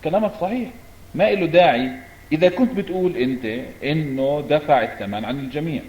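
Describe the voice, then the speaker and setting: A man's voice: fairly high pitch, fairly quick, roomy sound, highs cut off. A man with a Levantine accent, rebutting his opponent in a religious debate. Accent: Levantine Arabic. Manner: animated, rebutting.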